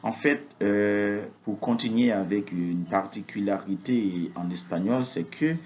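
A man's voice: fairly low pitch, measured pace, a little mellow. A man giving a spoken language lesson, hesitant, with frequent fillers and words repeated for practice. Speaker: Spanish teacher. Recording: dull lo-fi recording.

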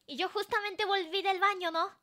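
Very high bright female streamer. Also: normal speed. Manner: excitable and chatty, laughs often. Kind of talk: casual live-stream chat while gaming.

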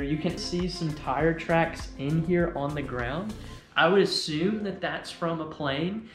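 A man's voice: fairly high pitch, a bit bright. Upbeat young man on a roomy tour. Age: young adult. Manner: upbeat, enthusiastic. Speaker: travel vlogger. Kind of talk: casual tour narration. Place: indoor hangar and outdoor field. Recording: roomy echo with faint music.

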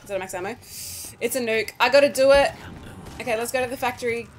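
A woman's voice: on the high side, fast. Nervous, swearing woman gaming streamer. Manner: nervous, swearing, pleading with the game. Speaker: gaming YouTuber. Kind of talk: casual gameplay commentary.

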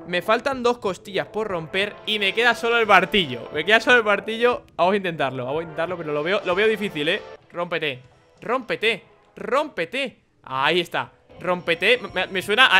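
A young man with a Spain Spanish accent, giving excitable, chatty gameplay commentary and laughing often. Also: sits high. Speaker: gaming YouTuber.

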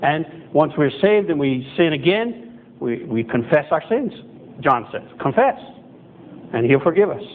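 Through tinny, phone-like audio with a bit of background noise, a middle-aged man delivers a chatty sermon in a church chapel hall equipped with a projector screen. He speaks a little slowly in a fairly high, very animated voice, self-correcting and performing the voices he quotes.

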